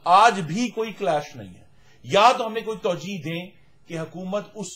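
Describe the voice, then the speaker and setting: A man speaking for a political party on a talk show, arguing his case in a measured way. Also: sits high, expressive, fairly bright tone. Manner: measured, argumentative. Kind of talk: political debate.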